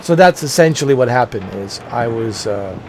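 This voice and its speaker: A man's voice: medium pitch, lively intonation, normal speed. Man giving casual gameplay commentary, faint game noise. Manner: repetitive, circling back over points. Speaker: gaming video host. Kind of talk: casual gameplay commentary, explaining technical details.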